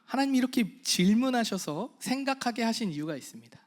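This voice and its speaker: A male pastor preaching a sermon, asking the congregation questions and answering them himself, moving between soft half-whispered phrases and loud, slow emphasis. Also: very high voice, lively intonation. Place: church hall.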